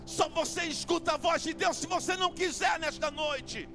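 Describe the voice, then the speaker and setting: A man preaching a fiery sermon as a bishop in a church, with a Brazilian accent, shouting in repetitive refrains and then dropping to a hush. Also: very high voice, normal speed. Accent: Brazilian Portuguese. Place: church sanctuary. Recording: music playing behind the voice.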